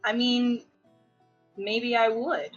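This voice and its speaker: Young woman, fairly high voice, bubbly, muffled lo-fi sound, faint music. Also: steady tone, extremely slow. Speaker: player. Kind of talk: casual tabletop game chat.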